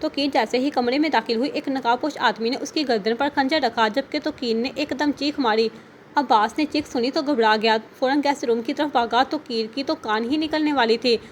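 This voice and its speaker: A woman narrating an audio novel in a steady storytelling manner. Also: high-pitched, a little fast, slight background noise.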